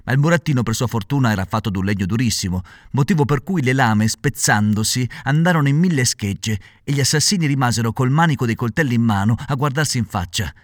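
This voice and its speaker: A man narrating a classic children's story aloud with expressive, dramatic reading. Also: medium pitch, fast, hardly any pauses, dry recording, clean studio sound.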